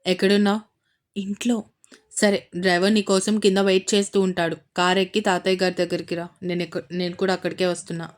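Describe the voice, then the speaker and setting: A woman voicing a curt, commanding young husband in an audio romance story, her voice pitched lower than her own and spoken in clipped, firm lines. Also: flat delivery, quick pace, lightly acted.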